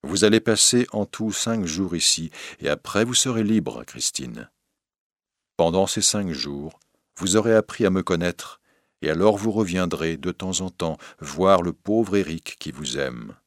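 A man voicing a tormented, obsessive masked man in love in a read-aloud storybook, shifting between a hushed, mournful tone and anguished cries. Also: low voice, lively intonation, unhurried, dry recording, studio quality. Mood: hushed, tender. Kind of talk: audiobook reading.

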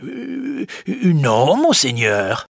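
A man's voice: high-pitched, wildly swooping pitch, extremely slow, gravelly, husky, no room sound, studio quality, voice pushed up, heavily acted. Man doing a sly stammering tulip grower. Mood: fawning. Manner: hesitant, with fawning stammers. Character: sly, nervous middle-aged tulip grower.

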